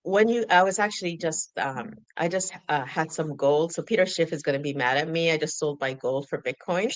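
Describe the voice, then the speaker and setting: A woman from Sudan chatting casually on a podcast, animated, laughing often and acting out her own thoughts. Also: sits low, fairly quick, no echo. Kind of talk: casual conversation.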